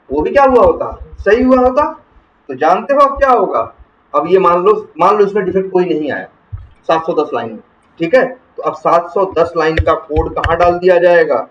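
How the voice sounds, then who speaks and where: A man teaching software testing in to a class, asking questions and answering them himself. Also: sits high. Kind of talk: classroom lecture. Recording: roomy, distant, muffled classroom recording.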